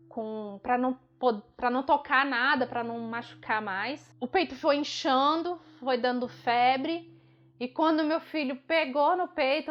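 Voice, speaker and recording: A young woman from Brazil telling her own story of early motherhood, candid and emotional, often correcting herself mid-sentence. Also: high-pitched. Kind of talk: personal storytelling. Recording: slightly dull recording with faint music.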